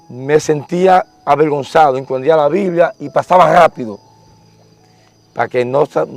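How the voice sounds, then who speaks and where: A man's voice: medium pitch, no room sound. Earnest young man's testimony. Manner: repetitive, earnest, emotional retelling. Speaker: interviewee giving testimony. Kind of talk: religious testimony, casual storytelling.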